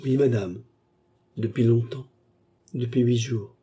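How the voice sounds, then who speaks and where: A man reading aloud, voicing a sly young chambermaid who speaks in a sugary, falsely tearful way, with a husky voice. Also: medium pitch, fairly even intonation, takes it slowly, mellow. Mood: feigned pity.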